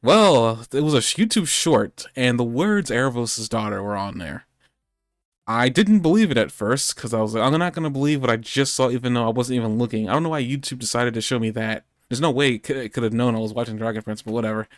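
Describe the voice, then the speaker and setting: A man's voice: medium pitch, quick pace, no room sound, studio quality. A man hosting a live-streamed anime podcast, chatting casually and rambling off on tangents. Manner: rambling, meandering, self-correcting. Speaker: podcast host. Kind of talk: casual chat. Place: home streaming setup.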